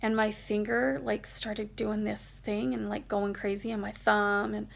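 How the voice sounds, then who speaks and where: A woman's voice: medium pitch, little pitch movement, a little slow, vocal fry. A woman vlogger telling a personal story in a casual, rambling, emotional way, with many fillers.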